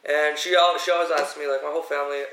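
A young man co-hosting a casual podcast, telling animated anecdotes full of fillers. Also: a little high, very fast, roomy sound, recorded from a distance, a little hiss or hum, low-quality recording. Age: young adult. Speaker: podcast co-host, event DJ. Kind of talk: casual group chat.

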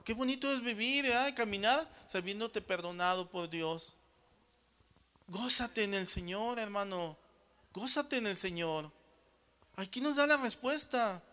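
Guy preaching a sermon, high voice, keeps asking the church "yes?". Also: a little slow, pushed and bright, smooth. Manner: keeps checking in with the congregation, "sí?"; addresses listeners as brothers.

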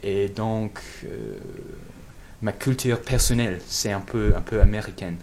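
Un homme venu d'Angleterre, de langue maternelle anglaise, qui répond en interview d'un ton hésitant en cherchant ses mots. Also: male voice, on the low side, a little mellow, a little hiss or hum. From England. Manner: halting, searching for words. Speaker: guest. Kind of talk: interview answers.

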